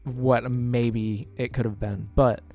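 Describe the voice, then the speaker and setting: A man's voice: mid-range voice, fairly even intonation, slow pace, dark tone. Young man musing in casual podcast chat. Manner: hesitant, speculative, full of restarts. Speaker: podcast co-host. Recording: faint music under the voices. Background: faint background music.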